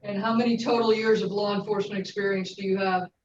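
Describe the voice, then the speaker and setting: A woman prosecutor questions a witness in a brisk, formal way. She is heard in a courtroom recording, distant from the mic in an echoing room. The sound is dull, with faint noise behind her. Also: mid-range voice, fairly even intonation, a little mellow.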